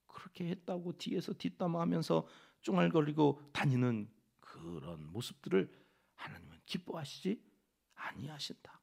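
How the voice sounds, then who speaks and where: A man preaching a dawn prayer sermon in a church, with a Chungcheong Korean accent, dropping from loud exhortation to hushed whispered asides. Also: a little high, vocal fry. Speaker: pastor. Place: church sanctuary.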